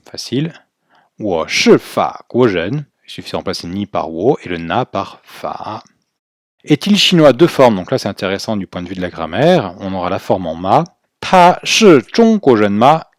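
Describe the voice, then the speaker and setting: A man's voice: fairly low pitch, no room sound, studio quality. A man teaching in a recorded video lesson, explaining step by step in a patient way, with fillers as he goes. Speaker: Chinese language teacher.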